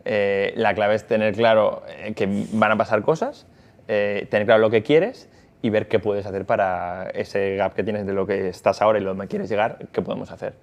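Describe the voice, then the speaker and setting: A man's voice: on the low side, fairly even intonation, moderate pace, highs cut off. A man talking casually about work and family, with many hesitations and restarts. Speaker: factory worker and father. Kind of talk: casual conversation.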